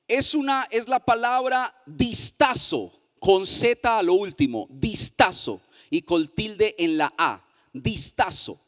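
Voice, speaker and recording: A man preaching a sermon as pastor, in a sing-song cadence that slows down for emphasis. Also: high-pitched, clean tone, long reverb tail. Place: church hall.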